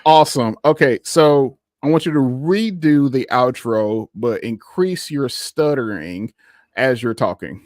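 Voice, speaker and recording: A man's voice: mid-range voice, measured pace, no room sound, clean studio sound. A man hosting a tech podcast, talking casually and loosely with lots of fillers. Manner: relaxed, rambling, with many fillers and restarts. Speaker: podcast host.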